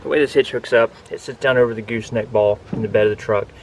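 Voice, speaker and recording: A man's voice: on the low side, steady tone, fast talker, noisy background. A man giving a casual, plain-spoken walkthrough to camera, explaining equipment in an informal, instructive way. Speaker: RV vlogger giving a product walkthrough. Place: outdoors beside a pickup truck bed.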